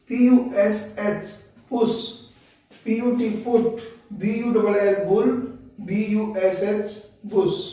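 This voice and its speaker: A man teaching pupils, spelling English words letter by letter in a slow, deliberate way and then saying each word. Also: sits high, warm tone. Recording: very echoey room, distant mic, dull sound.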